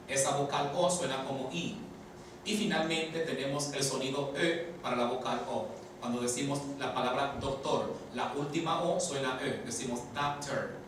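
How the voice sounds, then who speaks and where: Echoey male teacher slowly explaining pronunciation. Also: mid-range voice. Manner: repeats key words slowly and deliberately, with rhetorical questions. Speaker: English phonology teacher. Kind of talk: explanatory lesson. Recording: echoey room, mic far off, faint hiss.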